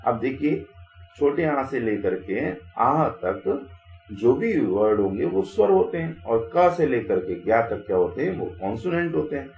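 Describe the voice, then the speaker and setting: Male teacher, slow patient explaining, echoey room. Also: medium pitch, big pitch swings, gravelly, a little mellow, highs cut off. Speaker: English grammar teacher. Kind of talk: Hindi classroom-style lesson.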